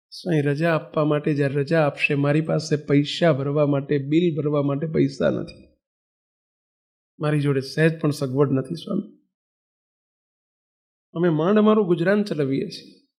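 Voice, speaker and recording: A man's voice: fairly high pitch, steady tone, moderate pace, long pauses, darkish tone, natural voice. A man voicing a poor young male college student who pleads earnestly through tears, quoted within a sermon story. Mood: pleading.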